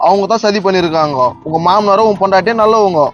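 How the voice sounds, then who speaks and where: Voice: medium pitch, fast, faint music behind, close to an everyday voice. A dubber voicing a mocking official, teasing and sarcastic in a comic fan dub. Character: mocking official addressed as sir.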